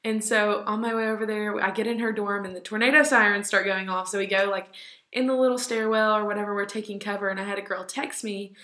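Bright-voiced young woman chatting in a roomy space. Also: mid-range voice, flat delivery, fast. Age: young adult. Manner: chatty, giggly storyteller with many fillers. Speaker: podcast co-host. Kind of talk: casual chat. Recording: roomy echo.

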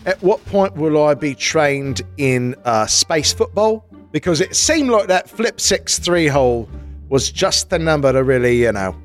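Casting: a man doing a pompous English-accented talking mongoose, male, excitable and rambling, a touch higher than average, faint music underneath. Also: a little slow. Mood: cheeky. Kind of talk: improvised comedy sketch.

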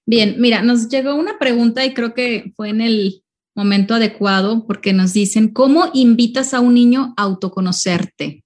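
A woman's voice: a little high, normal speed, a little mellow. A woman hosting an interview, friendly and affirming, often answering with a short "claro" and sharing her own stories. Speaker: interview host.

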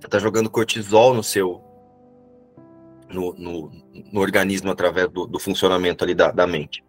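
A man calmly explaining a spiritual lesson and asking rhetorical questions, as a teacher would. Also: sits low, normal speed, soft background music.

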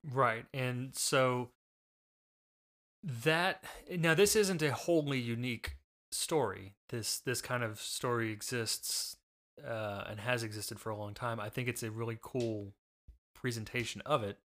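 A man's voice: mid-range voice, a little slow, fairly bright tone. A man in his thirties or forties co-hosting a casual book discussion podcast, patiently steering the conversation and explaining things with plenty of fillers and restarts. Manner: patient, steers the talk back to the topic. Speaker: podcast co-host, father.

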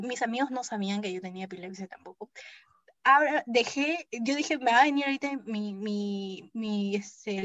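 Young woman with a high, lively voice. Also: dry recording, lo-fi sound. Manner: lively, acts out quoted dialogue. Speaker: guest. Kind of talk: casual personal storytelling.

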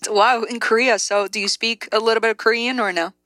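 A woman's voice: a little high, pushed and bright. A woman interviewing a guest casually, eager and reacting often with "wow". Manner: eager, reacts with frequent wows.

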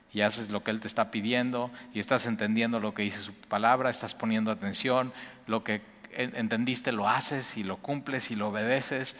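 A man preaching an earnest sermon, repeating words and rising in pitch to stress his points. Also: a bit bright. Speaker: pastor. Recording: long hall reverb.

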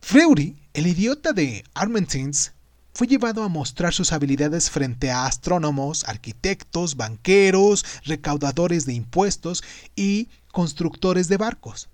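A man hosting and narrating a scripted story in a dramatic, emphatic way with deliberate pauses. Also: a little high, animated, no echo, clean studio sound. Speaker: podcast host and narrator.

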